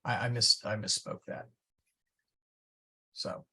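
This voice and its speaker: In a church classroom, a man teaches a Latin class as a casual, chatty lecture, often stopping to correct himself. He speaks slowly, with a pushed, bright voice.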